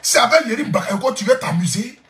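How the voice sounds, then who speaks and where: A man's voice: very high voice, lively intonation, brisk, a bit bright, roomy sound. A man telling a comic vlog story, boisterous, laughing often and repeating his phrases. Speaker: social media influencer. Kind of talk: casual comic vlog monologue.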